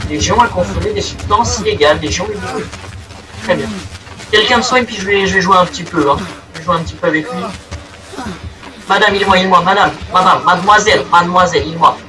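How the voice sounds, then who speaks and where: A young man giving crude, excitable commentary while he plays a game, swearing often. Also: sits high, fast, distant mic, low-quality recording. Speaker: gaming video creator. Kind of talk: playing commentary. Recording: voice set back from the mic, game music behind.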